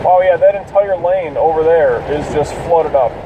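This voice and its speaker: Heavy rain and road noise surround this podcast host as he drives and casually rants solo, swearing at other drivers. His voice is a little high at a normal speed, recorded far from the mic with dull audio.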